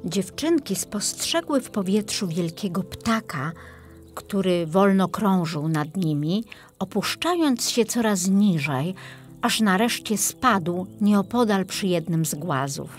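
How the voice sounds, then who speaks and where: Slow-reading woman telling a bedtime fairy tale. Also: mid-range voice. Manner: slow, calm, clearly enunciated. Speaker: storyteller. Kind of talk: scripted fairy-tale narration for children. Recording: music playing underneath.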